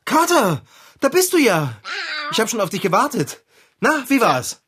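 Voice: medium pitch, very animated, moderate pace, natural voice. An actor playing a patient, good-natured cat owner in a children's audio drama, talking in a teasing, easygoing way. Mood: eager.

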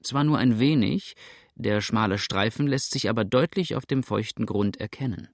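A man voicing a sharp-eyed male hunter in an audiobook, speaking in a pointed, commanding way. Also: lowish voice, normal speed, creaky, dry recording, clean studio sound. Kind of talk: audiobook character reading.

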